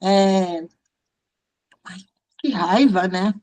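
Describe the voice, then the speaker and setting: A woman's voice: medium pitch, extremely slow, darkish tone, poor audio. A woman with a Brazilian Portuguese accent on a video call, telling an anecdote and acting out what each person said. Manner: storytelling, acts out quoted exchanges. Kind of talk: casual group mentoring chat.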